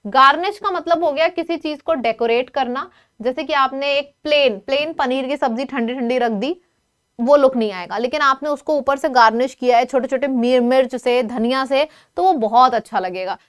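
A woman teaching an online vocabulary lesson in a lively, coaxing way, often asking her students questions. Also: sits high, normal speed, smooth.

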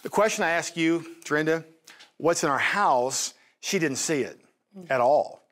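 A man hosting a faith and finance show, teaching from the Bible in an animated way. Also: a little high, a little slow. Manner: animated, acts out Bible voices. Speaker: host and teacher.

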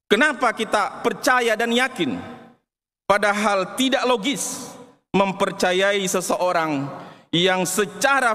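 Male preacher, high voice, measured and emphatic sermon delivery with Arabic recitation, big echoing mosque hall. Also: fairly bright tone. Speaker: Friday preacher. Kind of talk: formal Friday sermon.

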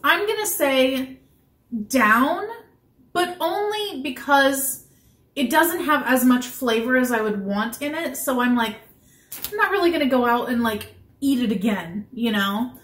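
A woman's voice: sits high, expressive, unhurried, a bit bright. An American woman in her thirties chatting casually as she co-hosts a snack review. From Chicago, US. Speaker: food review co-host. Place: indoors, small room on a sofa. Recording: roomy echo, clear background noise.

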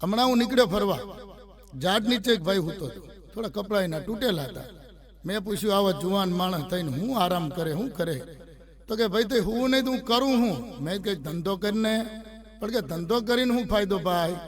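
A man's voice: high voice, animated, a little fast. A middle-aged man with a Gujarati accent, telling comic stories and voicing the people in them. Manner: storytelling with voiced quotes of characters. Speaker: comedian telling jokes. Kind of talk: Gujarati stand-up joke telling. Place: recording studio.

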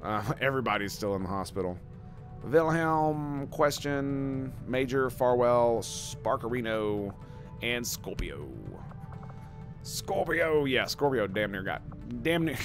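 A man's voice: mid-range voice, lively intonation, slow pace, soft background music. A man casually commentating his strategy game on a live stream, swearing and groaning at his own mistakes.

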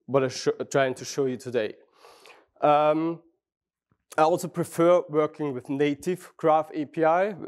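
A man's voice: fairly high pitch, darkish tone. Austrian man giving a conference tech talk. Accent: Austrian German. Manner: friendly, chatty, restarts phrases, asks audience questions. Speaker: conference speaker. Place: large conference hall.

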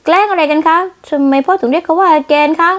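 A woman voicing a feisty, sharp-tongued young woman executive who snaps back indignantly, in a manga dub. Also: extremely high pitch, fast talker, voice pushed up. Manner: snappy, indignant.

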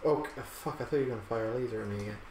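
A man's voice: medium pitch, very fast, a little mellow, reverberant, slight background noise. A man commentating a video game as he plays, joking crudely and swearing often. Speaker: let's play commentator. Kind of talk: casual gaming commentary.

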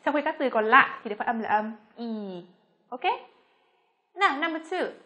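A Vietnamese woman teaching English pronunciation, speaking slowly on her model words between quicker explanations. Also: high voice, animated, bright, forceful tone. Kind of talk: pronunciation lesson.

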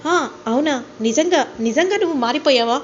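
A woman's voice: high voice, animated, fairly quick, lo-fi sound, slight background noise, voice pushed up. Woman voicing a bossy scheming matriarch. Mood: gloating. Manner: taunting, suspicious and bossy. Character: scheming, domineering older woman, rich household matriarch.

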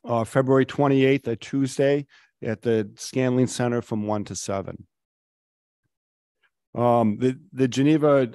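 A man's voice: mid-range voice, warm tone, no echo. Rambling middle-aged man, dry council mic. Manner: rambling, many ums, enthusiastic. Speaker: city councilor. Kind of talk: council meeting report. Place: city council chamber. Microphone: table microphone.

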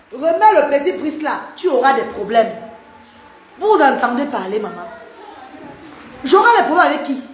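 A Cameroonian woman with a high voice talks straight to viewers in her live stream. She speaks in a Cameroonian French accent and is emphatic, repeating herself as she scolds and banters. The sound is roomy, with a clear echo. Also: slight background noise.

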